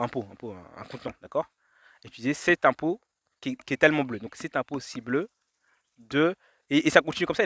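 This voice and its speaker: A man's voice: a little high, a bit bright, no room sound. A man vlogging outdoors, talking his thoughts through in a drifting monologue, full of fillers, restarts and detours. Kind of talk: rambling reflective monologue. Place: outdoors in nature.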